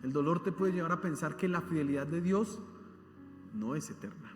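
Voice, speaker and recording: Male pastor preaching in a church, high voice, lots of echo, faint music behind. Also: lively intonation, moderate pace. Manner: emphatic, asks the congregation rhetorical questions. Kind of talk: sermon. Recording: echoey hall with faint music.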